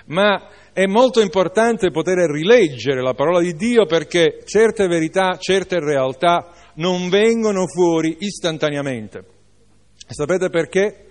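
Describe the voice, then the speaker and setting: A man's voice: high voice, lively intonation, unhurried. A man preaching a sermon, reading a Bible passage aloud and then exhorting his listeners with informal asides.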